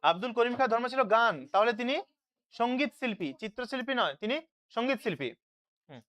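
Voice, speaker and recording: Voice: mid-range voice, lively intonation, fast, fairly bright tone. A teacher leading an online revision class, asking questions and then answering them, checking again and again that students follow.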